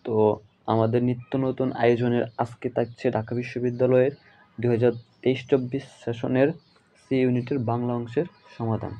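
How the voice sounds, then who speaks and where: A man from Bangladesh takes students through exam questions, reading each one out and repeating the answer. His voice sits at an ordinary middle pitch. The audio is a little dull and lo-fi. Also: flat delivery, fairly quick. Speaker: teacher.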